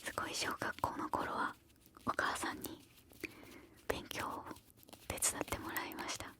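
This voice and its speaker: Close, bright ASMR whisper from a woman. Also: a little slow. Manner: whispers throughout, soft and breathy; encouraging, gentle advice-giving. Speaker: ASMR host answering viewer questions.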